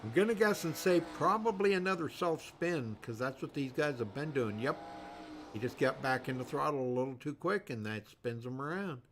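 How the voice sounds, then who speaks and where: A man's voice: mid-range voice, lively intonation, moderate pace, noisy background. A man doing live race commentary in a rambling, folksy way, full of fillers. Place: commentary booth at a racetrack.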